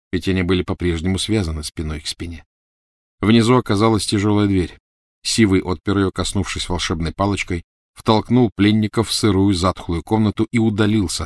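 A man narrating an audiobook in a measured, even manner. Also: sits low, no room sound, studio quality.

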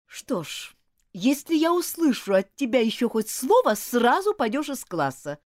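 Woman doing a shrill, strict teacher for a storybook, loud and sharp, with big pitch swings, dry close sound. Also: wildly swooping pitch, moderate pace, no room sound. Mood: scolding. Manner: sharp scolding, loud and cutting. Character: strict, quick-tempered female French schoolteacher. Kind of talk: audiobook character voice.

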